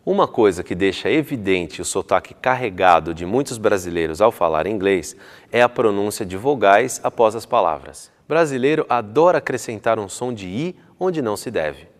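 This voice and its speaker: A male English teacher from Brazil presenting a scripted TV lesson, slow and deliberate, stretching the example words to show how they should be pronounced. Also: lowish voice, long reverb tail.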